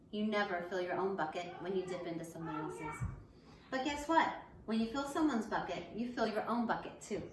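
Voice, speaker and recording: An elementary school teacher with a middling pitch talks to young children in simple, encouraging phrases, much like a picture book read-aloud. The room echo is clear, and a faint layer of noise sits underneath.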